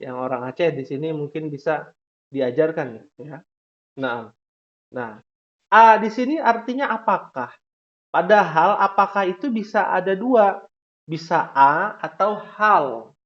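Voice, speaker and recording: A man's voice: fairly high pitch, animated, fairly bright tone. A male teacher talks to a room of students and keeps checking in with a short "ya" after each point. He draws out some words as he asks the class questions. The recording sounds dull and lo-fi. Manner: drawn-out questioning, frequent "ya" tags. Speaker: Arabic teacher. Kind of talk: classroom lesson.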